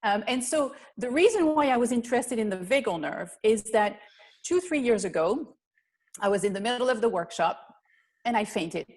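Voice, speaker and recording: A woman's voice: a little high, animated, moderate pace. A woman from Belgium with a Belgian accent, a guest presenter giving an earnest, explanatory webinar talk over a video call. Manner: earnest, explanatory, slightly non-native phrasing. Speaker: guest presenter, physical therapist.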